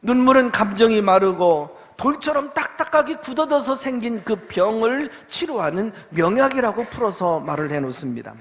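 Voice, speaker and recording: A male pastor preaches in a very high voice, moving between hushed storytelling and loud, pleading appeals. His words ring out with a long church reverb. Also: sing-song, moderate pace, few pauses. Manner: impassioned preaching, swinging from soft to loud. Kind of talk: sermon. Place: church sanctuary.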